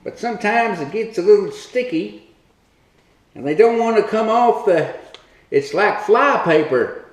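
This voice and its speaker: Male cook-show host, folksy rambler, slow drawl, roomy kitchen sound. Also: high-pitched, lively intonation. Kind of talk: comic folksy cooking demo.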